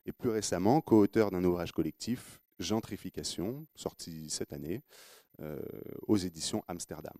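A man with a deep, mellow voice and English accent hosts a radio panel and introduces the guests. He hesitates often, with many fillers and restarts, on a dry, clean studio recording.

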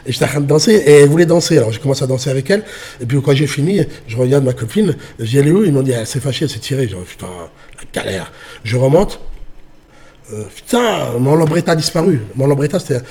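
A man telling a personal anecdote in French in a casual, animated way, acting out the quotes and often restarting his sentences. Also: mid-range voice, fast, husky. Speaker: storyteller.

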